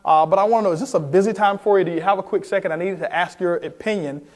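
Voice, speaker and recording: Speaking quickly in a high, somewhat mellow voice, a man leads a motivational sales seminar as its trainer. His delivery is emphatic, he fires questions at the audience, and he acts out phone calls along the way.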